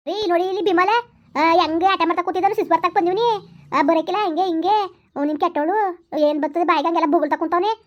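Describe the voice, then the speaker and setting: A woman playing a quick-tempered village mother who scolds her son and complains to her husband on the phone. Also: steady tone, muffled recording. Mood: complaining. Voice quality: high-pitched, rapid scolding. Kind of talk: village family skit.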